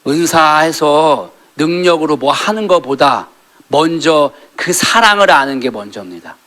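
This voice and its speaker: A middle-aged pastor delivers a sermon, his voice sitting a bit high for a man and swinging widely in pitch. He acts out quoted lines and climbs to loud peaks. The tone is bright and forceful. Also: measured pace. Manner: animated preaching, acting out quoted lines, rising to loud peaks. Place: church sanctuary.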